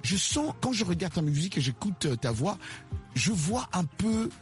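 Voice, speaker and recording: A man's voice: high voice, very animated, normal speed, faint music behind. A man from Congo interviewing a musician on the radio, with many fillers and restarts. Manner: hesitant, many fillers and restarts, warm praise.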